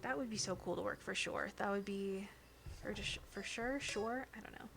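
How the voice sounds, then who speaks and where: A woman's voice: medium pitch, normal speed, gravelly, a bit bright, a little hiss or hum. A woman livestreaming, chatting casually and rambling with viewers into a dynamic microphone, often laughing as she talks. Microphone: dynamic studio microphone.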